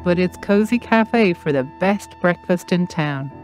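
A woman from southern Ireland, with an Irish accent, presents a travel programme in scripted narration over light music. Her voice is on the low side and darkish, animated, and a little slow.

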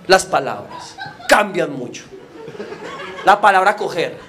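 A Colombian man with a Colombian accent performing animated live stand-up comedy in a club, acting out other people's voices. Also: sits high, takes it slowly, background noise.

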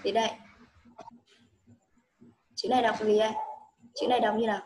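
A woman tutoring a child in English, speaking with a Vietnamese accent, coaxing patiently and repeating words slowly. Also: fairly high pitch, little pitch movement, noisy background. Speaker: English teacher. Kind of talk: one-on-one reading lesson.

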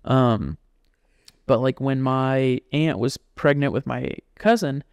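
Animated smooth-voiced man telling stories. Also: medium pitch, slow, dry recording. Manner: animated storyteller, acts out folksy voices, swears casually. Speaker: podcast co-host. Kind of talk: casual chat.

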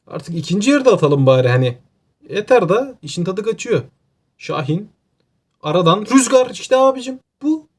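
Man, Aegean Turkish accent, excitable gameplay commentary, joking, talks to himself, slightly high voice. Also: moderate pace, husky. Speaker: gaming YouTuber.

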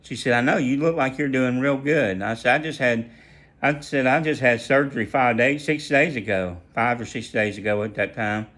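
A man's voice: mid-range voice, moderate pace, a bit bright. A man sharing a personal faith testimony in a casual storytelling way, earnest and prone to repeating and restarting his phrases.

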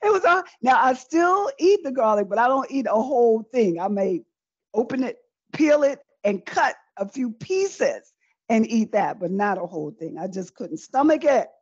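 Her voice sits a little high and sounds husky and animated at a normal speed, with no echo. She is a middle-aged woman teaching cooking live online from a demo table in an indoor room with a folding screen, chatting and repeating phrases to stress points. The audio is dull, lo-fi video-call sound.

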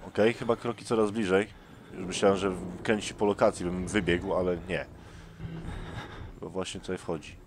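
A man's voice: deep voice, little pitch movement, normal speed, noisy background. A man doing let's play commentary on a horror game, tense and jumpy, muttering to himself.

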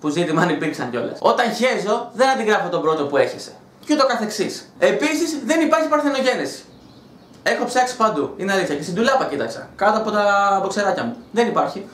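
A man rants in a casual home vlog, crude and mocking, with a sarcastic bite. His voice sits high for a man and swings widely in pitch. The room around him gives a noticeable echo. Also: big pitch swings, fairly bright tone, a little hiss or hum. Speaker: YouTuber. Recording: roomy echo.

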